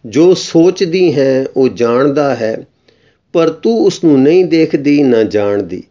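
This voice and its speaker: A man's voice: medium pitch, animated, slow pace, mellow, highs cut off. A man reading as a serene wise holy man. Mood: solemn.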